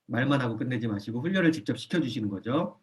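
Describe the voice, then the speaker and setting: Man giving an animated church parenting lecture. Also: mid-range voice, fast, slight background noise. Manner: animated, often acts out a parent's lines in a soft voice; asks the audience and repeats key points. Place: church hall.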